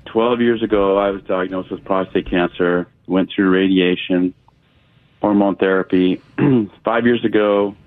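A man in his sixties calling in to a radio show, talking haltingly with restarts and clearing his throat. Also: low-pitched, steady tone, no room sound. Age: 60s. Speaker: caller. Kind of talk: call-in question. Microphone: telephone. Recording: phone line.

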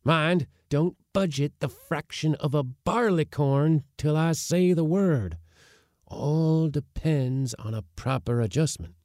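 A man voicing an excitable, secretive old uncle who gives urgent hissed whispers and sharp commands. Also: mid-range voice, takes it slowly, vocal fry, no echo, clean studio sound, voice pushed up, heavily acted. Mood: exultant.

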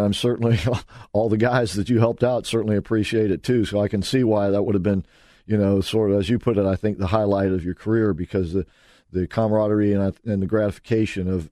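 A man hosting a radio talk show, interviewing guests in a halting, restarting way. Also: fairly low pitch, warm tone, no room sound.

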